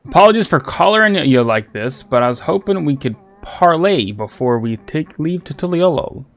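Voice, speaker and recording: A swaggering old sea captain spinning a yarn in a pirate drawl, as a man puts him on while reading game dialogue. His pitch rides a little above his usual talk. Faint game music plays behind him. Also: expressive, moderate pace. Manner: reads the lines aloud, stumbling on names. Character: seafaring male explorer captain with a pirate drawl.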